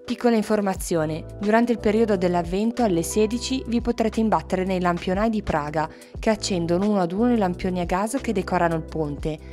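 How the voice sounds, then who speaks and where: A travel vlogger reads her scripted narration a little fast, with hardly any pauses, in a mellow medium-pitched voice, adding short casual asides. Music plays beneath her voice.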